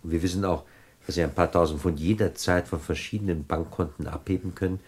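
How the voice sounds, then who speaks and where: Radio play: a polished gentleman crook, very deep, courteous. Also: steady tone, fast, husky. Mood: suave. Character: suave male gentleman criminal, calculating.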